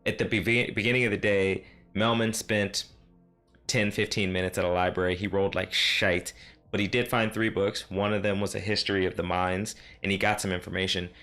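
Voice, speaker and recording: A man's voice: low voice, level tone, fairly quick, bright, forceful tone. A man serving as game master, casually recapping a tabletop session in a rambling, self-correcting way.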